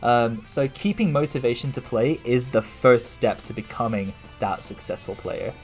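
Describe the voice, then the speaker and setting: A man's voice: mid-range voice, normal speed, a little mellow, faint music behind. A man hosting a casual livestream interview, talking in a rambling way with lots of restarts. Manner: rambling, many fillers and restarts. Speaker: streamer host.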